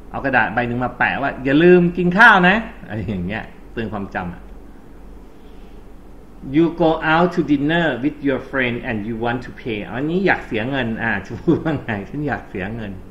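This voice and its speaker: A Thai-accented man explains English grammar in a loose, chatty classroom way, often catching and correcting himself. His voice is bright and pushed forward. The recording is a little dull, with faint noise behind it. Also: mid-range voice. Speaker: English teacher. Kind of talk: recorded exam-prep lesson.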